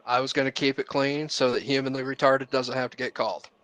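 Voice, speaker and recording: Bright-voiced man joking on a podcast. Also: mid-range voice, steady tone, fast, no echo. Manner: laughing, crude banter. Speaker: podcast co-host. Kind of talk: casual chat.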